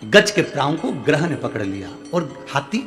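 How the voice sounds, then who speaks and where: A male preacher with a fairly high voice delivers a devotional sermon to a big outdoor stadium crowd. He answers listeners' letters with homely examples and keeps pressing the crowd to shout answers back. Soft devotional music plays faintly behind him. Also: sing-song, normal speed. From central India. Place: large outdoor stadium gathering.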